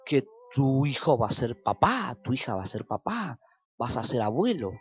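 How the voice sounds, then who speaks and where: A man's voice: mid-range voice, big pitch swings, moderate pace, husky, highs cut off. A man with an Argentine Spanish accent preaching a sermon as pastor, telling stories and acting out quoted dialogue with sudden rises and drops.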